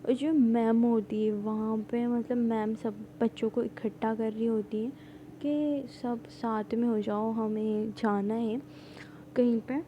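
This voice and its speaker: A woman casually retelling a drama plot, rambling with many fillers and halting restarts. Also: fairly high pitch, fairly even intonation, dull audio, a little hiss or hum. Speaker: storyteller recapping a drama plot.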